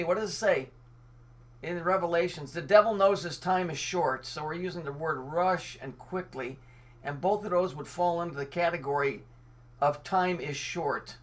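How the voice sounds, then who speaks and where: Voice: medium pitch, fairly bright tone. A commentator giving an angry monologue, reading out news and cutting in with sarcastic, profane remarks. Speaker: online commentator.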